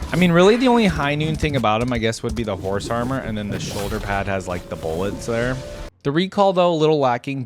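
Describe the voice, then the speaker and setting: A man with a lowish voice hosts a video, offering casual, off-the-cuff reaction commentary. He thinks aloud in an informal, exclamatory way.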